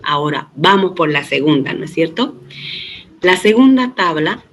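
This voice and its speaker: A middle-aged man lectures on databases in a recording with poor audio and a little hiss or hum. His voice is a little high, expressive and a bit bright, at normal speed. Patient and step-by-step, he frequently checks in with tag questions, uses "este" as a filler, and often restarts words.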